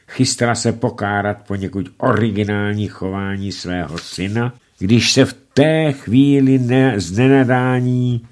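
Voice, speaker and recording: A man with a fairly low voice narrates a humorous storybook tale. His reading is expressive and playful, with a dry, ironic touch. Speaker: audiobook narrator.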